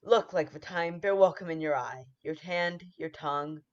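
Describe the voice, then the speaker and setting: In 1940s radio-play style, a woman plays a ruthless, scheming noble lady who drives her husband on, delivering her lines with urgent force. Her voice sits low at a moderate pace, lightly acted, and the recording has a dull lo-fi sound.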